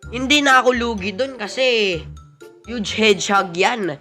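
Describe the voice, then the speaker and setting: A woman giving excited gameplay commentary, mixing Tagalog and English and shouting "yo" often. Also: a little high, a little slow, faint music behind. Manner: excitable, mixes Tagalog and English, frequent "yo" exclamations. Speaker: gaming channel host.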